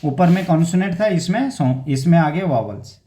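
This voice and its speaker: A man's voice: a little high, animated, fairly quick, warm tone. A young man teaching an exam-prep grammar lesson in casual Hindi mixed with English, repeating words and checking in with "theek hai" again and again.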